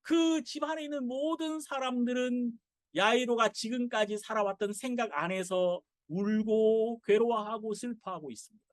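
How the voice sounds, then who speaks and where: A male pastor giving a sermon and telling the story in a dramatic, animated way. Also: very high-pitched, moderate pace, dry recording, clean studio sound.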